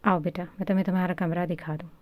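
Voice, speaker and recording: A kind stepmother soothes in soft, patient tones in a storybook reading, voiced by a woman. The voice is low and mellow and sounds dry and close. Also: little pitch movement, no echo, natural voice. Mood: soothing.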